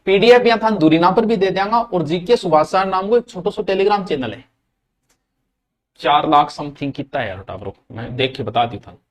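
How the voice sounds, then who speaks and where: A high-pitched man with a Rajasthani accent runs a live online class on Hindi grammar for exam aspirants. He talks to his students casually and directly, drops into local dialect, and stretches key words out slowly to stress them. His voice is close to the mic. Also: lively intonation. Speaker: Hindi grammar teacher for exams.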